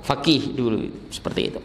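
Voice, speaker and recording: A man's voice: medium pitch, vocal fry, big-room sound, a little hiss or hum. A middle-aged man giving a conversational Islamic study lecture in a mosque, with teasing asides. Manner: conversational, teasing asides, chants verses in demonstration. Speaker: Islamic teacher.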